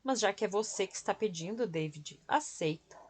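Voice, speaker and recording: A woman's voice: medium pitch, animated, moderate pace, slightly rough. A woman reading the lines of a stubborn, irritable young woman in an audiobook. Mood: sulky. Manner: sulky, defensive.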